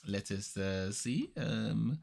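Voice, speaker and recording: A man's voice: on the low side, expressive, slow, gravelly, a little mellow. Laid-back man rambling on a podcast. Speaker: podcast host. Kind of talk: casual podcast chat about games.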